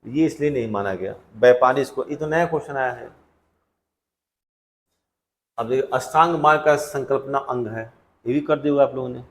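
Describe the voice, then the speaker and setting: A man's voice: medium pitch, moderate pace, pauses often. A male teacher going through test answers with students in a classroom, conversational and full of questions to them. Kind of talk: classroom test solution lecture.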